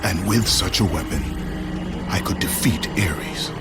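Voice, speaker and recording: An actor playing a grim, haunted Spartan warrior in a video game cutscene, with a harsh, growling delivery. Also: male voice, sits low, measured pace. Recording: loud music behind.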